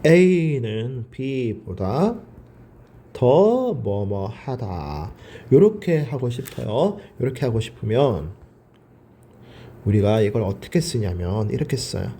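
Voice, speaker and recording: Guy teaching a grammar class, warm mellow voice, pitch swings up and down a lot, drills the words over and over. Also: very animated, slow pace. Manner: asks questions and answers them himself; drills words by repeating them. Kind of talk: grammar lecture.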